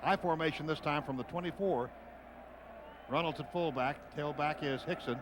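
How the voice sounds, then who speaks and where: Over clear stadium noise, an American play-by-play announcer calls a football game live on radio, in clipped phrases as the action happens. His voice is a little high, and he speaks at normal speed.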